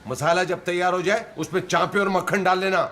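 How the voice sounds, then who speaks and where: Gruff butcher father, gravelly, highish voice, bossy and threatening. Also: fairly even intonation, a little fast. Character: gruff, bullying middle-aged butcher father. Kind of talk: film comedy acting. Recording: loud film score underneath.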